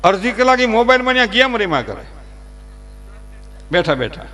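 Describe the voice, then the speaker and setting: A man telling humorous folk stories to a live audience, animated and preachy, acting out characters as he goes. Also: very high voice, moderate pace. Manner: animated, acts out characters and preaches with raised emphasis. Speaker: folk storyteller at a dayro.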